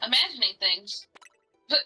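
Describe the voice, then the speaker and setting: A woman in a casual gaming chat, tossing in quick joking asides. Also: fairly high pitch, lively intonation, pushed and bright, recorded from a distance, soft background music, rough recording.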